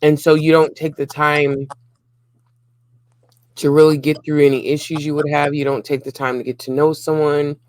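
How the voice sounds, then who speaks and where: A man's voice: fairly high pitch, little pitch movement, moderate pace, no room sound. A man co-hosting a casual relationship talk, speaking earnestly in short repeated phrases. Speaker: co-host of a relationship channel.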